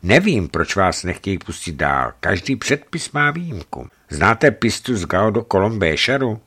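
A man voicing a shrewd, gruff middle-aged ex-legionnaire trucker who talks bluntly and matter-of-factly. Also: on the low side, sing-song, pushed and bright, exaggerated voice. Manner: blunt, matter-of-fact bargaining.

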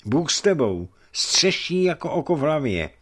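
A man's voice: on the high side, sing-song, a bit bright, husky, pitched above the performer's own voice, exaggerated voice. Man voicing a tearful old father. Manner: pleading, emotional. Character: tearful old father giving away his daughter.

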